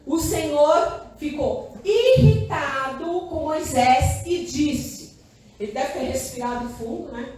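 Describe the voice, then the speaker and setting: A woman pastor preaching a sermon in an animated way, often asking the congregation "Amém?" and repeating short phrases for emphasis. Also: high voice, slow, slight background noise. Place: church hall. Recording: echoey church room, distant mic.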